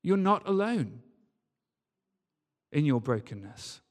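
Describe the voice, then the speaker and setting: A fairly high-pitched man, a church leader, delivers an emphatic sermon to his congregation, very animated yet slow in pace. He leans on rhetorical questions and repetition, and his words echo through a reverberant hall.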